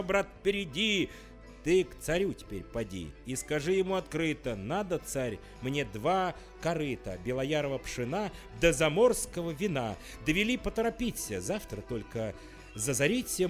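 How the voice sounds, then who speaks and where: A little magic horse speaks with gentle, knowing care and a soft chuckle, as a man plays him. His voice is high and lively, unhurried, with faint music behind. It is a fairy-tale verse reading. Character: small wise humpbacked horse, kindly and chiding.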